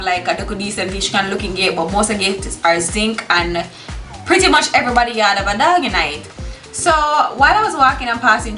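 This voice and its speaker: A young adult woman with a Jamaican accent tells a casual, animated personal story for a vlog, slipping into Jamaican Patois. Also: medium pitch. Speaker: storytime vlogger. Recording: roomy echo with music behind.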